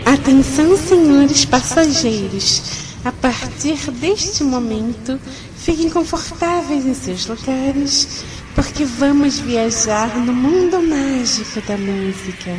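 A woman reading a slow, formal announcement like a flight attendant, heard over the intercom. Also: high voice, expressive, background noise. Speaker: station jingle announcer. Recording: distant with clear background ambience.

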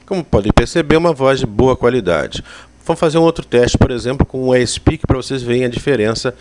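Brazilian man explaining software, medium pitch. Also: lively intonation, brisk, noisy background. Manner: explanatory, conversational. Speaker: software instructor. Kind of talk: spoken software tutorial.

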